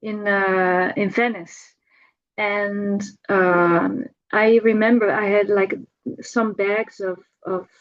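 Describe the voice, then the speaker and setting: Halting and repeating herself as she hunts for words, a middle-aged devotee gives an informal homage drawn from personal memory. She speaks at a typical female pitch. The recording sounds dull and lo-fi.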